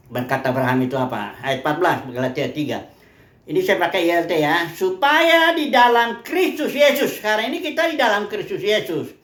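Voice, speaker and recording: A woman's voice: medium pitch, a bit bright, reverberant. A woman preacher from Indonesia teaching a Bible lesson conversationally, asking questions and answering them herself. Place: place of worship.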